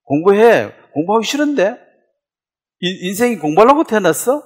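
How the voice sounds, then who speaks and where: A man's voice: sits high, very animated, a little fast, slightly rough, pitched above the performer's own voice, heavily acted. A man voicing a defiant teenage boy talking back to his mother.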